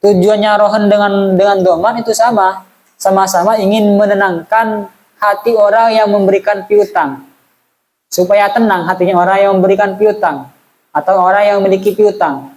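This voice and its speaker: High-voiced man teaching. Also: steady tone, moderate pace, darkish tone, low-quality recording. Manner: chatty, asks the audience questions. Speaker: religious teacher. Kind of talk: casual Islamic study lesson.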